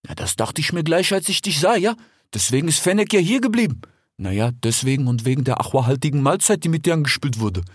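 Man doing a husky, sing-song desert fox hustler, buddy-buddy and persuasive; lively up-and-down delivery. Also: a little high, fast talker, no echo, studio quality. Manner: chatty, keeps tagging "ja?" and "ich schwör". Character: smooth-talking male desert fox, chummy and persuasive. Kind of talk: audiobook character voice.

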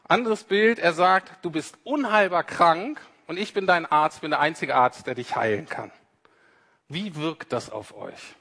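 Speaking unhurriedly in a voice on the high side, this preacher sounds animated, creaky and fairly bright. He talks to his church hall audience in a conversational way, speaks to them directly and performs the quoted speech, with the hall's reverb audible throughout.

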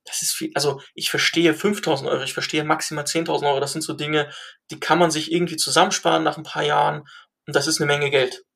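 A young man of Syrian family background, chatting and telling stories in an animated way, with lots of fillers and restarts. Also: a little high, fast, creaky. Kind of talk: casual conversation.

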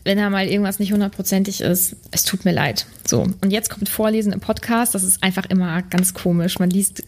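A woman's voice: medium pitch, fairly quick. A woman co-hosting a podcast, chatting hesitantly and then reading a story aloud. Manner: hesitant, many fillers and laughs. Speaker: podcast co-host. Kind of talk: casual chat and reading aloud.

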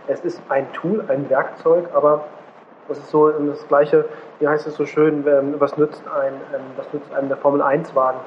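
A man interviewing a guest, halting and repeating words as he searches for phrasing, heard on an old low-quality recording. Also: flat delivery. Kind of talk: conversational interview. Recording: dull old recording with faint noise.

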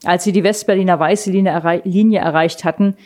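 A woman's voice: on the low side, fairly even intonation, fast talker, a little mellow, lightly acted. A woman voicing a man in a tracksuit telling a reporter what he saw, as an emotional eyewitness in a read-aloud novel. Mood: moved.

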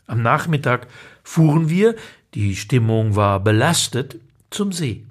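A husky man reads his own humorous column aloud with a pitch that rises and falls a lot. His telling is dry and ironic, and he slips into the voices of the people he quotes. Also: sing-song, slow. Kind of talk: expressive reading of a humorous column.

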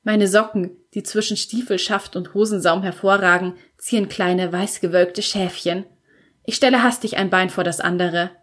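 A woman narrating a first-person audiobook in an expressive storytelling manner. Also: mid-range voice, moderate pace.

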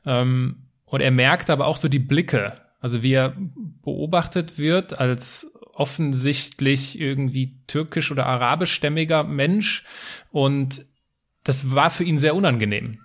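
A man interviewing a guest and asking questions in a measured, somewhat hesitant way. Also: mid-range voice.

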